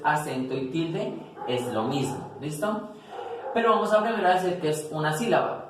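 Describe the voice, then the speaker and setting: Man teaching in a very echoey room. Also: on the high side. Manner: explanatory, repeats "¿listo?" and "pues", self-corrects. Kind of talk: spanish grammar lesson. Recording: very echoey room, voice a bit far from mic, faint noise.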